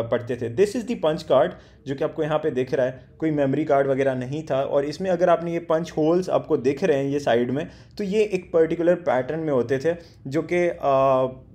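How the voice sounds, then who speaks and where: A man teaching a beginner class, explaining step by step with many hesitations and slowly reading out English slide text. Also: medium pitch, dark tone. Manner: explains step by step, many hesitation sounds, stumbles on foreign names.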